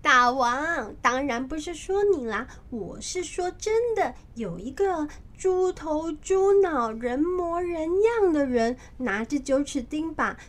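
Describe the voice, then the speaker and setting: A woman voicing an excited little male monkey servant in a children's storybook, with a squeaky, eager, breathless manner. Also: takes it slowly, few pauses. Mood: giggly.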